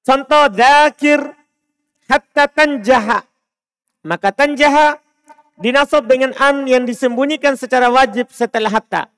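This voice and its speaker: Male religious teacher, Makassar Indonesian accent, very high smooth voice, quizzes his class and spells out examples slowly. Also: a bit bright. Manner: drills students with repeated questions, slows to spell out Arabic examples. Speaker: Islamic teacher. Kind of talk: Arabic grammar lesson in a mosque. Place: mosque.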